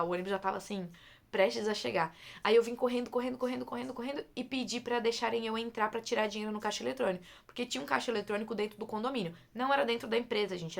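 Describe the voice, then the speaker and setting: A young woman from Brazil telling a personal story in a casual, lively way, repeating words for emphasis and talking straight to her listeners. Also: fairly high pitch, creaky.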